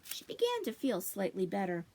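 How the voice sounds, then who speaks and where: This is expressive storybook narration for children, delivered by a woman at a moderate pace in a mid-range voice, much like a library storytime reading.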